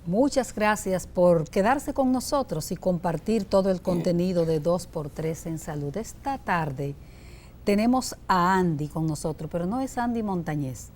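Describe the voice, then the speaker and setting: A woman's voice: lowish voice, unhurried, a little mellow, a little hiss or hum. A woman hosting a health talk show, speaking conversationally and correcting herself often. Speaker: host.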